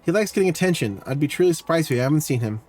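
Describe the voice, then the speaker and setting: A man's voice: a little high, animated, racing, darkish tone. A man reading bookstore helper, complaining, plain voice, faint music behind. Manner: read aloud in a plain voice. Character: young male bookstore helper, grumbling.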